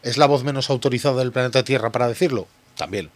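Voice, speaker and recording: A man's voice: mid-range voice, quick pace. A man hosting a casual sports radio debate, blunt and sarcastic in his remarks.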